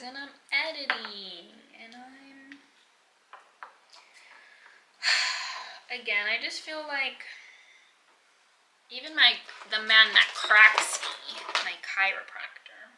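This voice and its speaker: A young woman vlogging casually while doing her nails, chatty and full of "like" fillers, thinking out loud and sometimes dropping to a whisper. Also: on the high side. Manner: chatty, lots of "like" fillers, thinking aloud, drifting into soft whispers. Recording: roomy echo, faint background noise.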